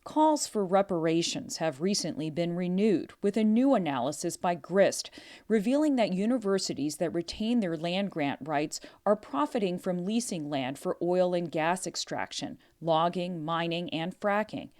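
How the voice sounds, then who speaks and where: A woman's voice: lowish voice, expressive, moderate pace, darkish tone, no echo, clean studio sound. A woman reporter reading scripted narration for an investigative news exposé.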